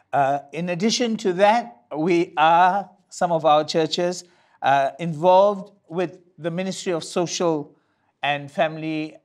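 An older bishop, preaching a sermon at a lectern in a slow, deliberate way, with pauses and fillers. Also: male voice, a little high. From Singapore. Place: studio stage with curtains, standing at a lectern.

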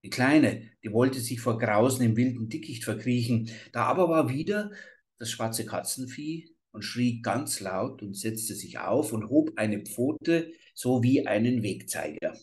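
A man reads a fairy tale aloud, slow and deliberate, in an atmospheric storytelling style. His voice sits at an ordinary male pitch and he takes his time over each phrase. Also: lively intonation, a little mellow.

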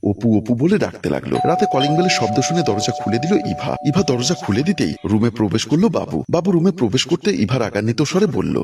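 A man narrating a scripted story in a brisk storytelling manner. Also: mid-range voice, very animated, recorded from a distance, noisy background.

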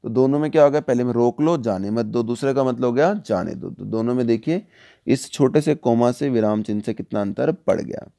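A male teacher explaining a worksheet to children, often putting questions to the class and slowing down for examples. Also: medium pitch, vocal fry, mellow. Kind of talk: online worksheet lesson for children.

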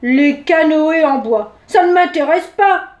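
A big, stubborn bear from a children's storybook, voiced by a woman reader, grumbling and nearly shouting. The voice rides high and loud rather than deep, full of cranky complaint. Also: lively intonation, moderate pace, roomy sound, dull audio. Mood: grumpy, loud. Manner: grumbling, raises voice to near shouting.

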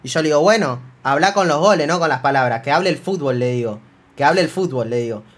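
A man's voice: on the high side, quick pace. A man with a Rioplatense Spanish accent telling a long, rambling story in casual chat, repeating himself and acting out dialogue and play-by-play. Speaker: streamer telling an anecdote.

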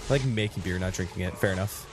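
Around twenty-one years old, this Twitch streamer talks casually with his chat as he plays, backed by game music. He speaks at a normal pace in a low-pitched voice.

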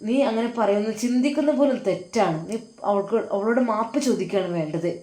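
A woman with a Malabar Malayalam accent voicing an older father who scolds his son firmly and quietly. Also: mid-range voice, fast, close to an everyday voice. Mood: reproachful. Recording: roomy echo.

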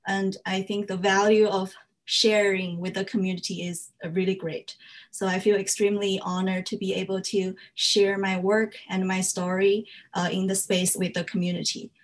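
With little pitch movement and a moderate pace, a young woman's mid-range voice walks through slides about her work as a fiber artist. She is from China, speaks English as a second language with slightly non-native grammar, and sounds earnest while frequently filling pauses with "uh."

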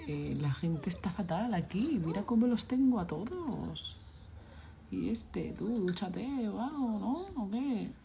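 A woman's voice: medium pitch, lively intonation, slow, vocal fry, warm tone. A woman from Valencia with a Valencian accent, chatting casually on a live stream and scolding the characters in her game. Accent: Valencian Spanish. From Valencia, Spain.

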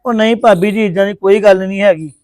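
A man's voice: sits high, steady tone, fast, darkish tone, no echo. A man acting a placating brother-in-law in a family drama. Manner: placating, apologetic.

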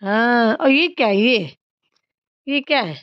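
A woman's voice: on the high side, lively intonation, slow, dry recording. Mother quizzing her child, voice raised. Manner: teasing, questioning, slightly raised voice. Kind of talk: scolding and coaching a child at homework. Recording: slightly dull lo-fi phone audio.

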